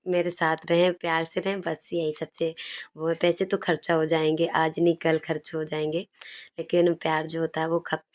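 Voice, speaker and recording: Chatty woman narrating family video, low flat voice. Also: moderate pace. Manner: chatty, fond, laughs while telling. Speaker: vlogger.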